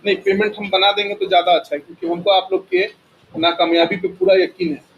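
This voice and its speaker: A man's voice: high voice, level tone, fast, dull audio, slight background noise. A man teaching accounting to a class. He keeps firing questions at the students and often answers them himself. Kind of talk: classroom lecture.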